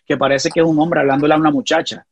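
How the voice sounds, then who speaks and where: A man's voice: fairly high pitch, flat delivery, very fast, breathy edge, dry recording. A middle-aged man with a Puerto Rican accent, a guest telling a personal story in casual conversation, earnest and often checking in with the listener. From Puerto Rico.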